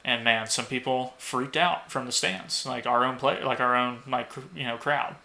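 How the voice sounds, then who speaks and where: A young man co-hosting a podcast, telling rambling stories full of swearing and loudly acted-out quotes. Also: medium pitch, steady tone, normal speed, gravelly. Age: young adult. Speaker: podcast co-host. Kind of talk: casual podcast chat.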